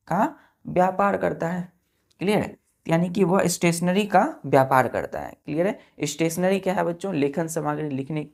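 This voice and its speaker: Low-pitched and a little mellow, this Indian-accented woman's voice guides a classroom vocabulary lesson. She spells each word out letter by letter and patiently makes sure the students are following.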